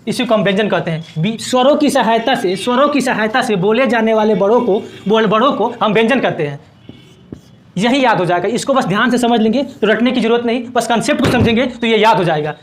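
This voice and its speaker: A man's voice: very high voice, brisk, a little hiss or hum. Man, teacher, grammar lesson, repeats definitions, asks and answers himself. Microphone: teaching at a board.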